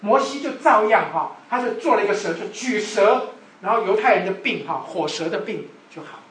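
Animated woman preacher giving a sermon. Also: medium pitch, brisk. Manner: animated, asks the audience rhetorical questions. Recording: echoey room, voice from far off.

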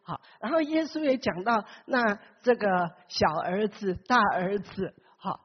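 A woman's voice: medium pitch, expressive, a little slow, husky. A woman preaching a sermon who keeps asking the congregation questions and acts out the Bible characters with big swings in her voice. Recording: long hall reverb, dull lo-fi sound.

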